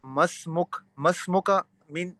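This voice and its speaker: A man's voice: sits high, a bit bright, no room sound. Male student in a dry, close recording. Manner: repeats words after the teacher, asks questions.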